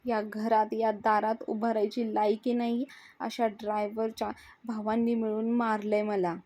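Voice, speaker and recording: Woman narrator doing a resentful young man, sarcastic, scornful, mellow, dry. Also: on the high side, little pitch movement, moderate pace, no room sound, close to an everyday voice. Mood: bitter.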